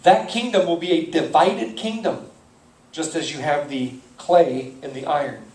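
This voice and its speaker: Pastor teaching in an echoey hall. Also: male voice, a little high, a little slow, a little mellow, recorded from a distance. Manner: conversational, thinks aloud, self-correcting on names. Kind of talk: verse-by-verse Bible teaching.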